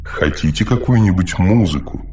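A man's voice: deep voice, animated, normal speed, darkish tone. A man reading an audiobook, voicing a fussy, over-solicitous male machine caretaker who lectures and talks too much.

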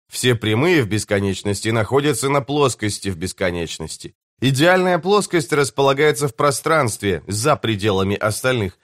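A man giving a measured, deliberate first-person reading of a novel as an audiobook narrator. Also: mid-range voice, a bit bright, dry recording, clean studio sound.

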